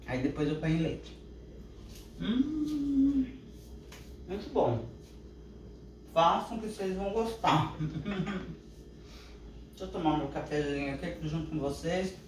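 A woman's voice: low-pitched, normal speed, recorded from a distance, slight background noise. An older woman with a Brazilian Portuguese accent chatting casually to viewers in her home kitchen in a homely way. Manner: chatty and homely, talks to viewers while cooking. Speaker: vlogger. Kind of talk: casual home vlog chat. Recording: roomy home echo.

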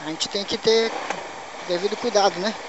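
A man's voice: high voice, fairly even intonation, normal speed, highs cut off. A man from Manaus, Brazil, with a local Brazilian Portuguese accent, chatting in slangy casual commentary while riding a motorcycle on city roads. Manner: chatty, slangy, chuckles to himself. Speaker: motovlogger. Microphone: helmet or bike camera mic. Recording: loud wind and engine noise.

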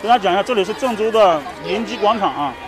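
Male street-vlog host, 30s, chatty, quick delivery, busy outdoor crowd behind him. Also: high-pitched, expressive. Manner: chatty, questioning. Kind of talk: casual street vlog chat with vendor-style hawking.

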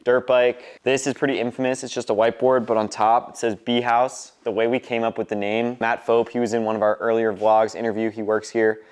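Casual vlog host: American man in his twenties, clear resonant voice, informal walkthrough delivery. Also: medium pitch, level tone, a little fast, few pauses. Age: 20s. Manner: informal, mildly profane. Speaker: host giving a warehouse tour. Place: large concrete warehouse and upstairs office, indoors.

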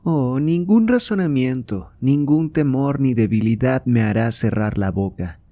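A man's voice: medium pitch, expressive, a little slow, warm tone, no echo, pitched above the performer's own voice, lightly acted. A man reading aloud, voicing a proud and indignant queen with a raised, fervent, declamatory delivery.

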